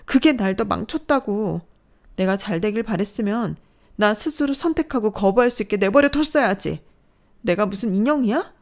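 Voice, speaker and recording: A woman's voice: medium pitch, animated, moderate pace, pitched above the performer's own voice, close to an everyday voice. Woman voicing an anguished young woman. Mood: distraught. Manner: pleading, tearful outbursts. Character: distressed young adult daughter, worn down.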